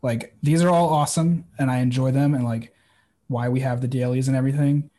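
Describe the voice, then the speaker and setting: A man's voice: mid-range voice, steady tone, brisk, mellow. A man chatting on a video call in a laid-back, thoughtful way, with lots of filler words. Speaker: freelance call participant. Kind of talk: casual chat.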